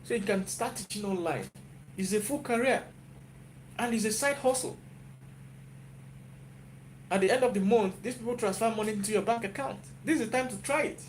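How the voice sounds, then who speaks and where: On a live stream, a Nigerian-accented man who works as a YouTuber and software developer gives his viewers a pep talk, speaking in a high voice at normal speed and pausing often. He's motivational and repetitive, checking in again and again with "you get?" The audio is poor, with a little hiss or hum.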